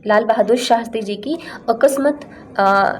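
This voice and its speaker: A woman's voice: on the high side, a little slow, slight background noise. A young woman teaching exam facts in a casual, chatty way, using playful memory tricks. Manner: chatty, explains with playful rhymes and acted-out lines.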